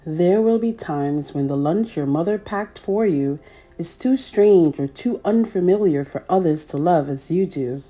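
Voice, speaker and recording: A woman's voice: lowish voice, expressive, measured pace, warm tone, soft background music. A woman hosting a children's read-aloud, telling a picture-book story expressively and speaking directly to young listeners.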